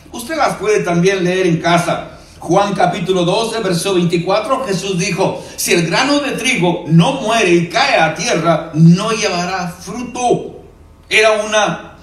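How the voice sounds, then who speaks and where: A man preaching a sermon, reading scripture aloud slowly and sometimes dropping to a quiet, low voice for emphasis. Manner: reads scripture aloud, slowing down on quoted verses. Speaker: pastor. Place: church hall. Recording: echoey room from far off.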